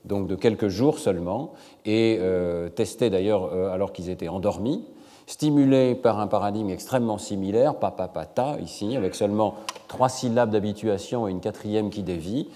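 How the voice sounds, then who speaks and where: A man's voice: on the low side, dark tone. Man lecturing in a reverberant hall. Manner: measured, with frequent hesitations. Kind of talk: academic lecture.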